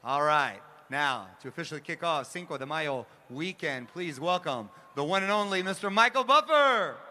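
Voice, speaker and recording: Bright, high-voiced male event host. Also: lively intonation, moderate pace. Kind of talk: hyped live event hosting. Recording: live event microphone with background noise.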